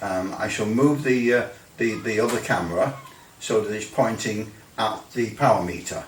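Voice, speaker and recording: A man with a fairly low voice speaks at a moderate pace while casually demonstrating radio equipment hands-on, rambling and hesitating with grumbling asides. The recording is roomy, with a distant mic and faint noise.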